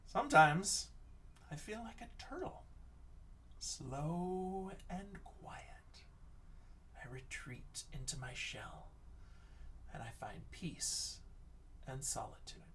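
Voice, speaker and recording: Recorded from a distance, this male teacher reads a picture book to children and talks with them, full of expression and frequently slipping into whispers. His voice is on the high side, and he speaks slowly with frequent pauses.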